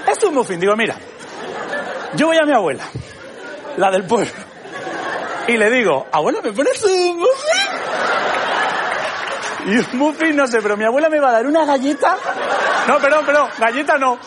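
Man, stand-up comedian, acts out dialogues, very lively pitch, loud audience laughter. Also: fairly quick, pauses often, crowd noise. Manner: animated, acts out both sides of dialogues. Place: comedy stage before a live audience. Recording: live audience laughter, noisy theatre.

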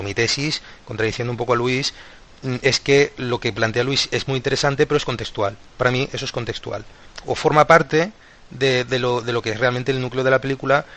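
A man's voice: medium pitch, fairly bright tone. A man in a casual philosophical discussion, thinking aloud and restarting his sentences often.

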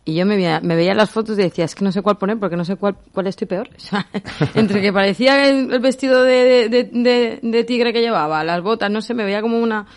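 A woman's voice: medium pitch, fast talker, hardly any pauses, dry recording. A woman guest on a radio chat, talking frankly and enthusiastically about her experiences, agreeing often. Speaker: radio guest, shop owner, former TV contestant.

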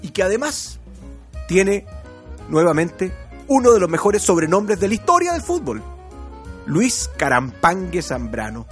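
A man's voice: high voice, sing-song, unhurried, long pauses, faint music behind. A man with a Chilean accent talking football nostalgically, with enthusiastic exclamations and firm opinions. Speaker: football show presenter.

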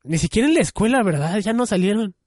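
A man's voice: sits high, animated, fast talker, darkish tone, dry recording, clean studio sound. A young man chatting casually, musing and hedging with many fillers. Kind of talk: casual chat about anime.

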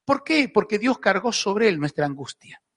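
Argentine male pastor, emphatic and repetitive preaching, high, forceful voice, long church reverb. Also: very animated, normal speed. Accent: Argentine Spanish. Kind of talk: sermon. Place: church hall. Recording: echoey church hall.

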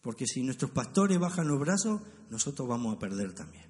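Man, pastor, sermon, mid pitch, keeps asking the crowd questions, long reverb in a church hall. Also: big pitch swings, fairly quick, darkish tone. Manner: preachy, keeps checking in with "¿no?" and "¿eh?".

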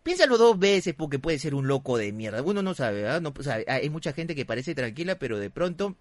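A man's voice: on the high side, fairly quick, no room sound. A young man with a Peruvian accent hosting a comedy podcast, retelling a listener's story with lots of swearing and acted-out voices. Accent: Peruvian Spanish. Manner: animated, swears often, acts out the people in the story with big voice jumps. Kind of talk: comic storytelling, live podcast.

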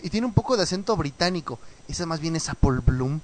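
A man hosting a radio show, chatting casually and reading listener messages with animated, mocking asides, troubled by a cough. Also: a little high, fairly quick. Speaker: radio host. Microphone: studio mic with headphones.

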